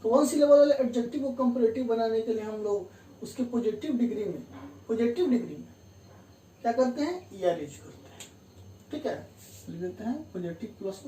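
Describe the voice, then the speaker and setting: Woman grammar teacher, patient step-by-step explainer, mellow tone, far from the mic in a roomy space. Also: a little high. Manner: explains step by step, repeats key terms and says "theek hai" to check understanding. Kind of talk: classroom lesson explaining grammar rules. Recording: distant roomy mic with faint room hum.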